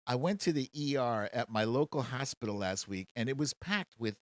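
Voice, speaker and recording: Medium in pitch, lively in intonation and moderate in pace, this echo-free male voice belongs to an American livestream host. On his commentary show he chats mockingly and casually, answering viewer questions in colloquial language.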